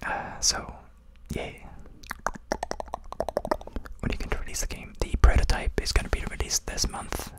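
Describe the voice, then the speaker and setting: An ASMR streamer speaking in a soft, breathy whisper, informally chatting to live viewers close to the microphone. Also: moderate pace, pauses often. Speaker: streamer and game developer.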